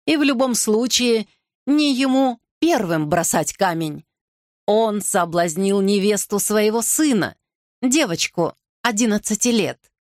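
A woman's voice: medium pitch, measured pace, a little mellow, dry recording, clean studio sound, voice pushed up, close to an everyday voice. A woman reader voicing a proud, jealous young royal lady who speaks heatedly and pleads. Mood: indignant.

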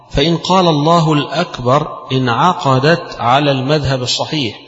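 A man with an Egyptian accent giving a religious lesson, explaining texts in plain speech and reciting quoted rulings slowly. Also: mid-range voice, a bit bright. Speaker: Islamic scholar teaching fiqh. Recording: roomy, long reverb, dull lo-fi sound.

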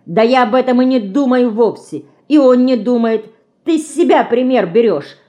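A woman reading an audiobook, voicing a hot-tempered young city girl who snaps back in sharp, indignant outbursts. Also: fairly high pitch, expressive, normal speed, voice pushed up, lightly acted.

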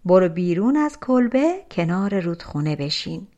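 A woman voicing a kind mother in a fairy tale who praises a girl and gives her gentle instructions. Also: fairly low pitch, sing-song, highs cut off. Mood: kindly.

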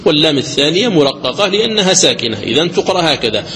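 A male recitation teacher giving a deliberate lecture, repeating each rule and slowing down to chant the examples. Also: on the high side, sing-song, big-room sound, a crowd in the background, poor audio. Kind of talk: explanatory lecture on recitation rules.

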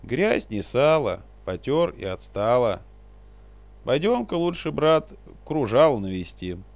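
A man's voice: mid-range voice, very animated, slow pace, dry recording, voice pushed up. A man reading a story aloud and voicing a sly, cheerful young male joker who teases his friend. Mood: jaunty. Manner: jaunty, teasing.

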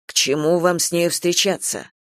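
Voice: mid-range voice, steady tone, normal speed, fairly bright tone, no room sound, clean studio sound, natural voice. A reader voicing Boldwood, a grave and tormented farmer, speaking tensely in an audiobook. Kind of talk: audiobook character reading.

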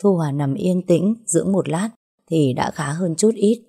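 Female story narrator: low, mellow, steady. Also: moderate pace, creaky, slightly rough.

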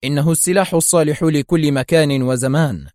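A man's voice: medium pitch, expressive, a little fast, darkish tone, dry recording, studio quality, close to an everyday voice. A man voicing a smug, self-assured male gangster in an audiobook.

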